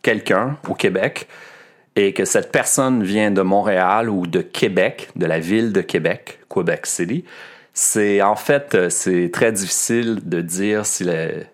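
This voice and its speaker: Slow, low-voiced man teaching French. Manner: patient and explanatory, repeating words to demonstrate sounds. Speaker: French teacher and podcast host. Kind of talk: podcast language lesson.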